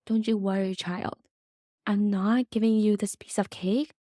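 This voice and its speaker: A gentle, all-knowing female spirit of the universe speaks softly and reassuringly, as a woman puts her on in a podcast monologue. Her voice sits at an ordinary pitch and is recorded dry, with no room around it. She sounds calm and motherly. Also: unhurried, no room sound, close to an everyday voice. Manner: soft, soothing, reassuring.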